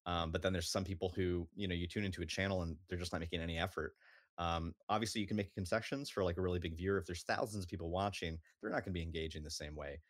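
A man's voice: deep voice, fairly even intonation, very fast, dry recording, clean studio sound. A man in natural unscripted talk, a streamer on a panel thoughtfully explaining his view with examples.

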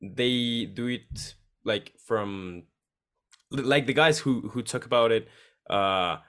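A man's voice: mid-range voice, takes it slowly, a bit bright, clean tone. Hesitant man hosting a casual chat. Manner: hesitant, many restarts. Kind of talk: casual interview conversation.

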